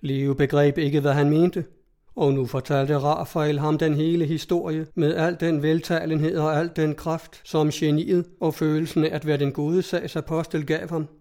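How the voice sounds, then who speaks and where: A man narrating a classic tale in a measured, formal reading. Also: on the high side, flat delivery, warm tone.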